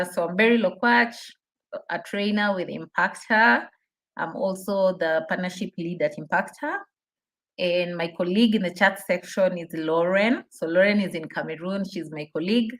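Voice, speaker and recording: A woman's voice: fairly low pitch, fairly bright tone. A woman teaching an interactive online session as a trainer, encouraging participants, repeating her questions and checking that they follow. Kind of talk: interactive webinar teaching, reading out chat responses.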